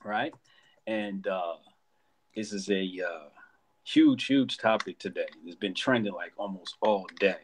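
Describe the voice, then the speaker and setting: A man in his thirties hosting a live stream debate, talking in a relaxed, slangy, chatty way. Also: deep voice, unhurried, a little hiss or hum. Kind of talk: casual live stream chat.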